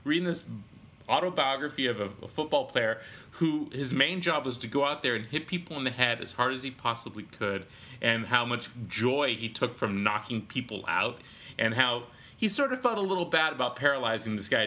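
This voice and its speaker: Lively, bright-voiced man telling a rambling story. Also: mid-range voice, brisk. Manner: rambling, self-deprecating storytelling. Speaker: podcast co-host. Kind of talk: casual chat.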